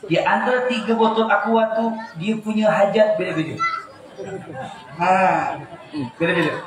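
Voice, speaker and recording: A high-pitched male preacher delivers a humorous, animated sermon through a public address system. He drops into quiet asides, then rises into shouted, chanted lines. The sound is heavily echoing, with a crowd and steady noise behind him. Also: a little slow. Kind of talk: humorous religious sermon at a gathering. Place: religious celebration gathering with a large crowd.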